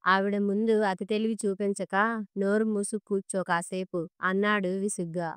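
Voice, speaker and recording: A woman's voice: medium pitch, little pitch movement, moderate pace, smooth, no echo, lightly acted. A woman reading as a curt, irritable husband. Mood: irritated. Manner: curt and impatient. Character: irritable middle-aged husband, fed up with nagging.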